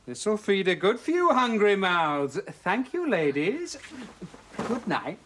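A highwayman, as played by a performer swaggers and teases in a children's TV comedy. His delivery is slow and unhurried, but his pitch is lively. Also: a little hiss or hum. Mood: swaggering. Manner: swaggering, teasing. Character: bluff Northern male highwayman, cheeky.

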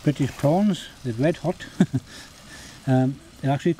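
Welsh man with a dark, mellow voice. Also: mid-range voice, unhurried, a little hiss or hum. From Wales. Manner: relaxed and chatty, frequent ums and uhs. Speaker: forager and outdoor cook. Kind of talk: cooking demonstration. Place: rocky beach outdoors.

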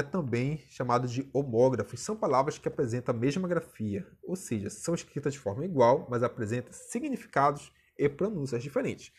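A young male teacher gives a recorded video lesson. His voice is husky and sits at a middle pitch. He talks in a chatty way, always asking rhetorical questions and adding tag questions.

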